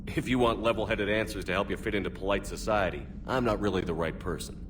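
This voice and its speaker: A man's voice: lowish voice, quick pace, distant mic, background noise, natural voice. An actor playing a firm, dry military starship commander in a video game, terse and authoritative as he questions. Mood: firm, guarded. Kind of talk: scripted sci-fi video game dialogue.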